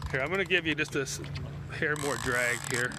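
A man guiding a fishing trip on a river, coaching calmly and joking while he films from the boat. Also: fairly high pitch, brisk. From Canada. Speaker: fishing guide. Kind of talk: live-streamed fishing vlog. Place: open boat on a river, outdoors. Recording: outdoor boat noise.

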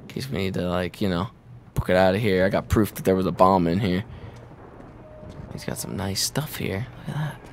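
A man's voice: deep voice, fairly quick, a little hiss or hum. A young adult man giving casual gameplay commentary in a reactive, profane, repetitive way. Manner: profane, reactive, repeats himself. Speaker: gaming video player.

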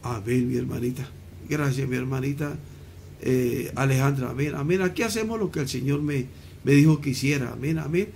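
Gravelly pastor with frequent amens. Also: male voice, medium pitch, a little fast, a little mellow, slight background noise. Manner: affirming, answers with frequent amens. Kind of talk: hosting an online church testimony call.

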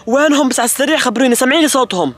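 A man hosting a kids' comedy skit, talking to his viewers in an excitable, dramatic way. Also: extremely high pitch, rapid-fire. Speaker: youtube host.

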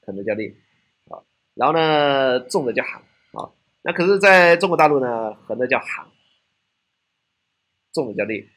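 A man's voice: mid-range voice, animated, moderate pace, long pauses, a bit bright. A man with a Taiwanese Mandarin accent giving a technical classroom lecture, often asking rhetorical questions and checking in with "right?".

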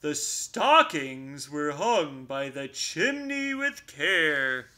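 A man voicing a gruff, pompous male bear in a children's storybook reading, booming and stern. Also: big pitch swings, drawn-out words, sharp tone, exaggerated voice.

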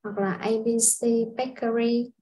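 Slow, high-voiced woman teaching a lesson. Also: fairly even intonation, warm tone, poor audio. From Vietnam. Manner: unhurried, explaining step by step with frequent filler sounds. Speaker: English teacher. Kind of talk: casual spoken language lesson.

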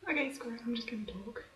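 A young woman in her twenties, vlogging in a rapid-fire, chatty, self-mocking way. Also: sits high, reverberant, heavy background noise. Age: young adult. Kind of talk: fast list-style vlog. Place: shared house on a year abroad.

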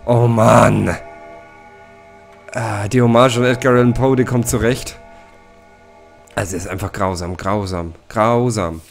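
A man's voice: on the low side, steady tone, moderate pace, faint music behind. A man commenting on a horror game he plays, jittery and talking to his viewers with frequent scared gasps. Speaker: let's play gamer.

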